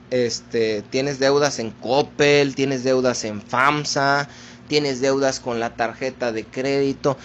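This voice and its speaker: A man preaching a sermon, addressing his listeners as brothers in a slow, deliberate teaching manner. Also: fairly high pitch, a bit bright.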